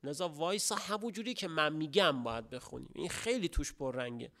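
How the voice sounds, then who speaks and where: A middle-aged man giving a religious lecture, speaking haltingly with pauses and restarts, then rising to emphatic stresses. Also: fairly high pitch, expressive, fairly bright tone.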